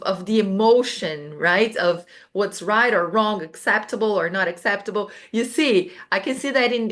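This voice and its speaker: A woman's voice: on the high side, a bit bright. A woman from Brazil with a Brazilian Portuguese accent, a native Portuguese speaker, giving a chatty, casual English lesson with frequent restarts and asides. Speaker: English teacher.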